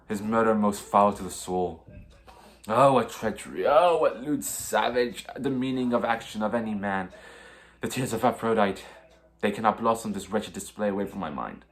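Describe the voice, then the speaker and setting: A man's voice: on the low side, lightly acted. A man playing a brooding, vengeful young prince Hamlet with melodramatic, declamatory delivery in archaic English. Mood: outraged. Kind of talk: theatrical mock-Shakespearean monologue.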